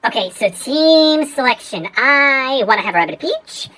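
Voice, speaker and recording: A male streamer talking through a high-pitched chipmunk voice filter, giving playful live game commentary that exclaims and stammers. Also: lively intonation, measured pace, pushed and bright, exaggerated voice.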